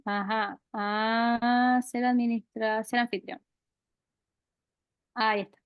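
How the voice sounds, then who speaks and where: A woman's voice: fairly high pitch, flat delivery, takes it slowly, clear, resonant tone, no echo, highs cut off. A woman on a video call speaking briefly and matter-of-factly while arranging screen sharing.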